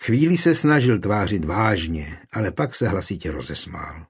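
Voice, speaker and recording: A man narrating a historical novel in a measured, even storytelling manner. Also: low voice, husky. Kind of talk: scripted audiobook narration.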